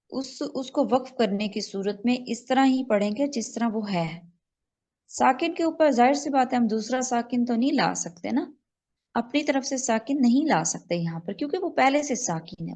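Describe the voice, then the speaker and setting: Teaching recitation online, a woman from Pakistan makes sure her students keep up as she goes through the rules one step at a time. She stretches out example words slowly in a slightly high, slightly mellow voice, heard through a call.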